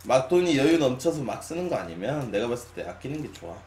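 A man of twenty-nine chatting casually with his stream viewers, musing with long sighs and drifting between loud and quiet. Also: mid-range voice, very animated, fast talker. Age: 20s. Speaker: live streamer. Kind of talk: casual late-night chat with viewers. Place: small room at a desk. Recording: echoey room, faint hum.

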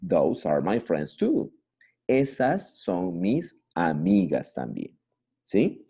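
A man teaching English grammar in an online class, modelling each word slowly and checking in with his students. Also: low voice, huge pitch swings, background noise. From Peru. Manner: slow, drawn-out model pronunciation with questioning tags. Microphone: computer mic.

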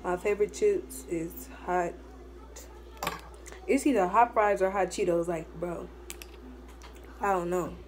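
A young woman chats casually to camera while eating, so her words come through a mouthful of food. She is at home in a small room, and there is clear background noise with clinking cutlery. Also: lowish voice, fairly even intonation, unhurried, pauses often. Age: young adult. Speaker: vlogger. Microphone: phone or laptop propped at arm's length. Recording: noisy room, cutlery and dish clatter.

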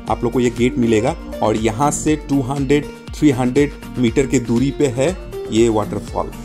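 Holding his phone camera at arm's length, a young vlogger shows viewers around a rocky waterfall and chats as he narrates his travel vlog. He speaks at a medium pitch, and outdoor noise can be heard behind him.

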